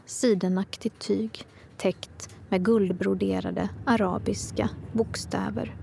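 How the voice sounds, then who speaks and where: A woman reading her own first-person literary prose in a measured, reflective way. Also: medium pitch, gravelly, warm tone, husky.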